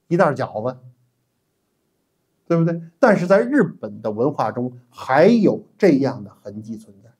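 A middle-aged man giving an animated, emphatic history lecture as a teacher, with frequent 'ah' fillers. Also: fairly high pitch, husky. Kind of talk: classroom-style history lecture.

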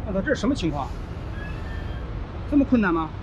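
Sing-song and a little fast, a middle-aged Chinese man's high voice narrates a truck repair step by step as casual how-to commentary, blunt and full of swearing. The trucker vlogger is recorded on a body-worn action camera in an outdoor truck yard, with highs cut off and a noisy background.

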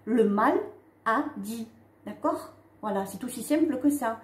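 A woman giving a casual spiritual card reading, talking straight to her viewers in a halting way with frequent "hein" and "d'accord" tags. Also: a little high, animated. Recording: echoey room with faint ambient noise.

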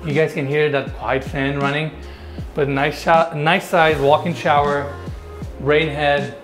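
Over soft music, this man in his thirties speaks at a measured pace with a fairly bright, high-leaning voice, though his delivery is flat. He's hosting a casual home tour of a big basement, addressing viewers directly in an enthusiastic, chatty way through a lapel mic.

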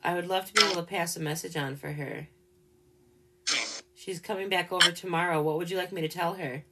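A woman hosting a paranormal live stream in casual chat, gentle and openly emotional as she speaks to spirits directly. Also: fairly low pitch, fairly even intonation, a little fast, slight background noise.

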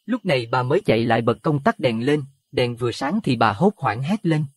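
A man narrating a Buddhist horror audio story in an expressive, dramatic way. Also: mid-range voice, fairly quick, no echo. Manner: expressive, rising to alarm at scary moments.

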